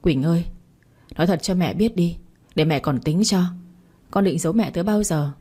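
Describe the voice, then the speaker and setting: A woman's voice: fairly low pitch, normal speed, dark tone, slightly rough. A woman voicing a stubborn middle-aged mother who scolds her daughter with blunt commands, in a storybook reading. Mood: scolding.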